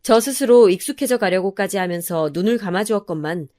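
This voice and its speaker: Calm woman narrating a story. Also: mid-range voice, brisk. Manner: calm, even, confiding reading. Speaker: storyteller reading a listener's story. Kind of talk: scripted first-person narration.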